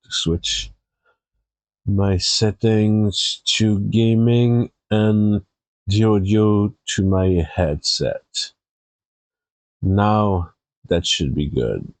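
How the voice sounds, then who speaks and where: A stuffy-nosed, tired man hosting a live game stream, talking in an unhurried, rambling way. His voice sits on the low side, and the sound is close and dry. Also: darkish tone, dry recording. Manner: easygoing, rambling with fillers and restarts. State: congested. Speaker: Twitch streamer. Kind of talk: casual live-stream chat.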